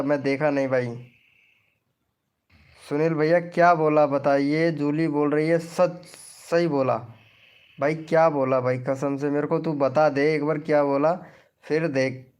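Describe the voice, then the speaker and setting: A man's voice: on the high side, a little mellow, smooth. A man hosting a live stream in casual chat, teasing viewers and reading their comments aloud. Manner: slow, teasing, chatty banter with viewers.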